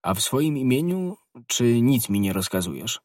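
A man's voice: medium pitch, big pitch swings, normal speed, darkish tone, no echo, clean studio sound, pitched above the performer's own voice, close to an everyday voice. A man doing an ardent young guardsman. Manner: ardent, impulsive. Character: bold, hot-headed young male guardsman.

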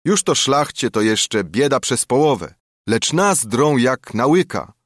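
A man's voice: medium pitch, sing-song, a little slow, no room sound, clean studio sound, pitched above the performer's own voice. A man voicing a humble peasant speaking meekly and plaintively. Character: humble peasant, meek and complaining.

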